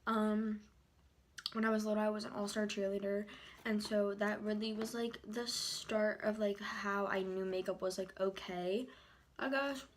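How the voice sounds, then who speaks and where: A young woman YouTuber chats to the camera during a mukbang, chewing as she talks in a halting, rambling, informal way. Her medium-pitched voice has little pitch movement, with slight background noise.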